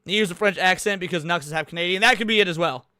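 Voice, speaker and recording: A man hosts a live reaction stream, talking bluntly with plenty of swearing and stumbling restarts. His voice is high and smooth. It is recorded close and dry, with no room sound. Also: racing, pushed and bright, no room sound. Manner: blunt, profane, many fillers and restarts. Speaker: livestream host. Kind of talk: casual live reaction commentary.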